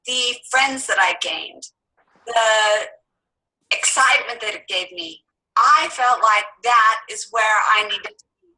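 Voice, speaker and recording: A woman's voice: on the high side, slow, pushed and bright, rough recording. An earnest woman in her fifties sharing a heartfelt testimonial about coaching. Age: 50s. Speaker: HR manager.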